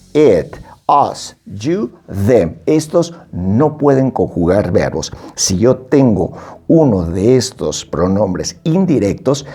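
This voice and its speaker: A man whose first language is Spanish, teaching an English grammar lesson in a slow, measured way. His low, warm voice swings widely in pitch as he stresses key words and repeats the drill phrases. Faint music plays under him. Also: breathy edge.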